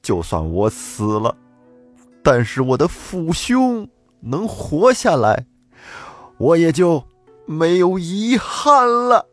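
A man voicing a resolute younger brother who speaks earnestly and gravely. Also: fairly high pitch, big pitch swings, slow, no room sound, soft background music, voice pushed up. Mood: resigned.

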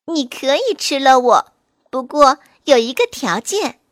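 A woman voicing a small, brave and clever gray rabbit in a children's story, brisk and confident. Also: high voice, big pitch swings, no room sound, studio quality.

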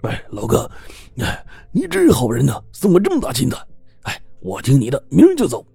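A man voicing a bewildered male miner who stammers and chatters excitedly in a told story. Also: mid-range voice, fairly quick, creaky, slightly rough, dry recording, faint music behind, voice pushed up, full character voice. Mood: delighted.

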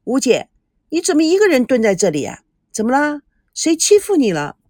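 Woman doing a playful teasing young lady in a storybook, bright bouncy voice. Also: high-pitched, wildly swooping pitch, a little fast, no room sound, clean studio sound, pitched above the performer's own voice, full character voice.

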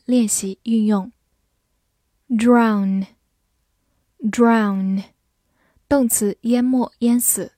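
A woman's voice: a little high, mellow, no echo, studio quality. A woman teacher reviewing vocabulary, saying each English word twice and then listing its parts of speech and meanings.

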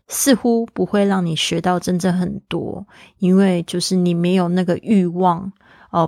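Woman podcast host, native Mandarin speaker, chatty teacher, lowish voice, dry close sound. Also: gravelly, no room sound. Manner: chatty, explains slowly, repeats phrases for practice. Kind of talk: casual podcast English lesson.

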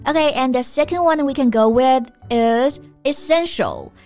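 A woman with a fairly high voice explains English vocabulary in a bilingual lesson. She spells each word out letter by letter and walks through its parts. Soft music runs behind her. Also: unhurried. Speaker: co-host of English lesson podcast. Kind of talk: bilingual scripted teaching chat.

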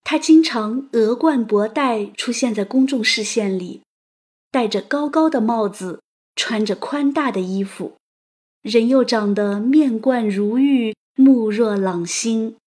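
A woman narrating a written story as an audio host, in a playful, chatty manner with lively asides. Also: a little high, slow.

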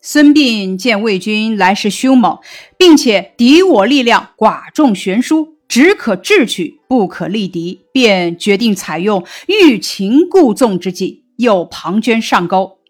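A woman's voice: medium pitch, big pitch swings, slow pace. Woman teacher reading a lesson aloud.

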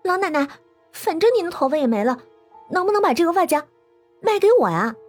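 A woman's voice: very high voice, very animated, brisk, soft background music, pitched above the performer's own voice. A woman voicing an eager, wheedling young girl. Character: eager, vain village girl. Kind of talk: storybook narration.

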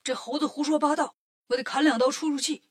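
A woman voicing a hot-tempered middle-aged male heavenly king in a children's story, speaking loudly and indignantly. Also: sits high, steady tone, fast, close to an everyday voice. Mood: angry.

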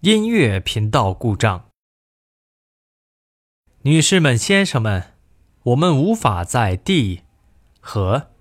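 Male reader, slow and formal, lively pitch, dry close sound; cabin-announcement lesson. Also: no room sound. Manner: measured, formal announcement delivery in two languages. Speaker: language course reader. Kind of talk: reading in-flight announcements aloud.

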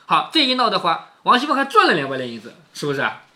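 A man's voice: high voice, wildly swooping pitch, quick pace, bright, forceful tone. A man reading a classic novel to his daughter and explaining it as he goes, chuckling and asking rhetorical questions. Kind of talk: storytelling reading with commentary.

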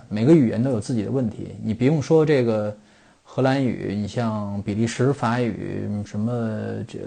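A man's voice: medium pitch, vocal fry, dark tone, slightly rough. A middle-aged man from China hosting a football podcast, explaining things in a rambling monologue full of fillers and restarts.

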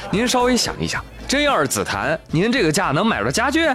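This comic news host talks a little fast in a high-sitting voice whose pitch swoops wildly. Music plays underneath as he mocks the news with Chinese internet slang and exaggerated, teasing, sarcastic storytelling.

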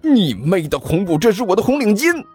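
A man's voice: mid-range voice, sing-song, brisk, breathy edge, faint music behind. A man voicing a fat, grumpy man who scolds and complains in exasperation. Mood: indignant.

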